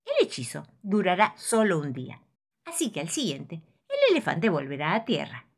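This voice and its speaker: A woman's voice: on the low side, wildly swooping pitch, normal speed, heavily acted. A woman voicing an earnest male cricket teacher in a storybook, encouraging and explaining like a teacher. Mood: teacherly.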